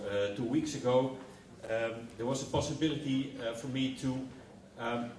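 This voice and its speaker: A mid-range male voice comes through a little hiss or hum, recorded distantly in a roomy hall at a contract signing ceremony. The broadcasting executive hesitantly welcomes guests in a formal English speech packed with fillers.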